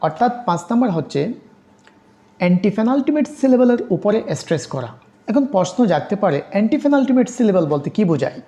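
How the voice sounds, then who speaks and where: A woman giving an exam-prep lecture on English grammar, reading English definitions slowly and spelling out letters. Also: medium pitch, big pitch swings, mellow. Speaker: English teacher.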